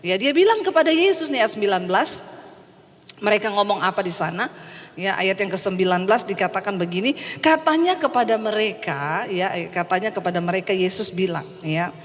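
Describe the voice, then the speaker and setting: A middle-aged woman pastor preaching a lively Easter sermon, telling stories and acting out the people in them. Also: mid-range voice, fairly quick. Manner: lively storytelling, acts out quoted voices. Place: large church hall. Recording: reverberant church hall.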